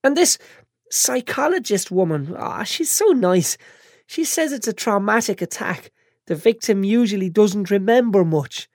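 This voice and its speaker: A man voicing a bandaged young woman in a hospital bed, high and whiny. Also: animated, a little slow, no room sound, clean studio sound, full character voice. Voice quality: high squeaky whine.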